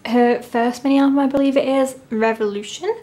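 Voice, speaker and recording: Higher-pitched woman with a sore, tonsillitis throat. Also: fairly even intonation, brisk, dark tone. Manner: gushing, enthusiastic. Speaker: unboxing video host. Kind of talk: casual excited unboxing commentary.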